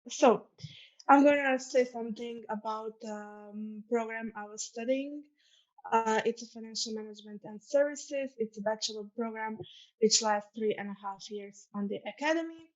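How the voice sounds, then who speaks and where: A young woman from Croatia with a Croatian accent, presenting her study programme as a student ambassador in an earnest, informal way with many ums and uhs. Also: on the high side. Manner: earnest, fills pauses with um and uh. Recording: dull lo-fi sound.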